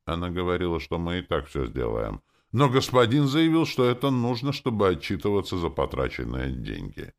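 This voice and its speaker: A man's voice: sits low, huge pitch swings, normal speed, few pauses, voice pushed up, heavily acted. A man reading an audiobook, voicing an emotional teenage girl who pleads and accuses sharply. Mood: anxious. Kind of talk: audiobook character voice.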